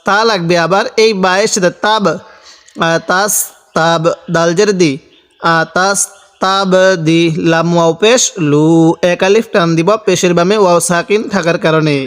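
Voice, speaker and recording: A man's voice: high-pitched, fairly even intonation, normal speed, a bit bright, smooth. A man teaching how to spell out and recite the Quran, explaining each rule methodically and repeating every syllable. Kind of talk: spelling-out Quran lesson with slow chanted recitation. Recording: long hall reverb.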